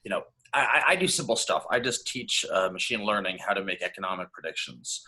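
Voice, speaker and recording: A man hosting a casual interview, eager and halting, with lots of fillers as he asks questions. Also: low voice, expressive, bright, forceful tone. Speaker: interviewer, host.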